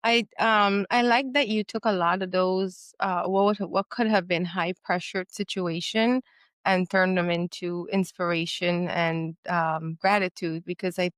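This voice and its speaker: A podcast host from Guyana, a woman who speaks in a reflective, searching way, full of fillers and restarts. Her voice sits on the low side and sounds smooth and resonant, recorded dry and close. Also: steady tone, measured pace, a bit bright, dry recording. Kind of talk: conversational interview.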